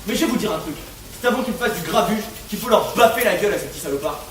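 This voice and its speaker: A teenage boy in an amateur stage play, acting a crude, hot-headed, bigoted male juror who rants and shouts. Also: high-pitched, lively intonation, racing, slight background noise. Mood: grumbling. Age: teens. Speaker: student actor. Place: theatre stage, live performance. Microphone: distant room mic. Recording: echoey theatre from far off.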